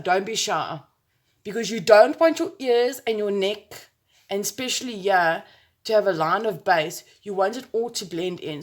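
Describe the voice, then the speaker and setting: A woman with a South African accent giving a casual, chatty makeup tutorial to camera, rambling and playful, speaking close to her phone. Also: medium pitch. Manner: chatty, rambling, playful with exclamations and sound words.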